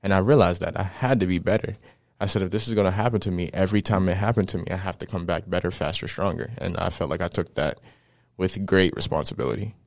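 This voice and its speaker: Young man, deep voice, casual storyteller, dry close mic. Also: fast talker, no room sound. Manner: animated storyteller, many "right?" tags. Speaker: football player guest. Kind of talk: casual interview answers.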